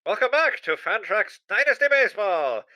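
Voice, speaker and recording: A man's voice: high voice, big pitch swings, normal speed, sharp tone, soft background music, full character voice. A man playing a folksy 1920s radio host on a comedic parody, with a hokey announcer cadence. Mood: jovial.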